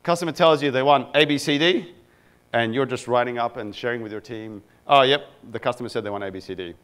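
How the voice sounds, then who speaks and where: A man's voice: mid-range voice, quick pace, a bit bright, smooth. A man from Egypt, a product manager, giving a casual conference talk to a live audience, with many fillers and self-deprecating asides.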